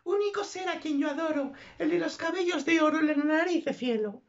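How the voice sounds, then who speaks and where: A lovesick young noblewoman pours out her passion in melodramatic exclamations in a stage comedy, as a woman acts her out. Her voice is very high, and the recording is dull and muffled. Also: brisk. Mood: melodramatic love.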